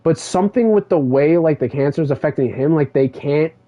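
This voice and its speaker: A man's voice: fairly high pitch, brisk, mellow. A man streaming a game, chatting casually and rambling through a story with lots of fillers. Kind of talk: casual chat while gaming. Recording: dull lo-fi stream mic.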